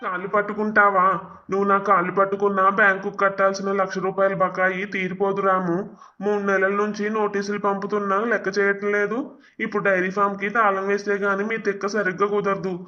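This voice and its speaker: A man's voice: high-pitched, monotone, quick pace, sharp tone, muffled recording. A man playing a scornful bank officer. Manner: taunting, contemptuous, gives orders. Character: harsh arrogant male bank officer, scornful.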